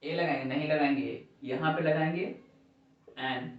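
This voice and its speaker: A man's voice: fairly high pitch, fairly even intonation, normal speed. A man teaching a classroom grammar lesson, asking the class questions and repeating their answers. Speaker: English teacher. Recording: echoey classroom from far off, dull.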